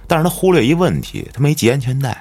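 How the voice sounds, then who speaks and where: A man's voice: animated, quick pace, darkish tone, soft background music. A man, a podcast host telling a ghost story in colloquial, swear-laden style. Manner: colloquial storyteller, swears often, dramatic swings in pitch.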